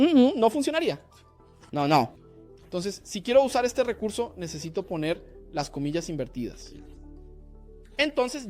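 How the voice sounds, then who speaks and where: A man teaching a coding lesson, explaining each step and asking rhetorical questions to the viewer. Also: sits high. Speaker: programming instructor. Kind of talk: screen-recorded coding lesson.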